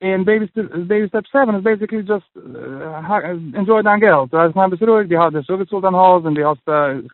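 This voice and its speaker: Male interview guest, higher-pitched, hesitant with lots of restarts and English mixed in, phone-line quality. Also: no echo. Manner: halting, many restarts, mixes in English phrases. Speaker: guest sharing his personal budgeting story. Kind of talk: casual interview chat.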